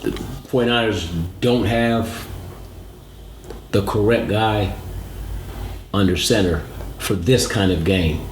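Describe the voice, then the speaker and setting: This male sports co-host has a fairly low voice and takes his time, leaving long pauses while he delivers emphatic analysis and restates key points. Expect noticeable background noise and a roomy echo.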